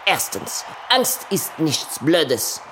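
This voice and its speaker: A friendly male butterfly, offers calm, gentle wisdom in a children's radio play. His voice rises and falls in a lively way. A steady noise sits behind it. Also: medium pitch, extremely slow. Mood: gentle advice. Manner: gentle, calm advice-giving. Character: friendly wise male butterfly named Gérard. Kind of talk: children's audio drama acting.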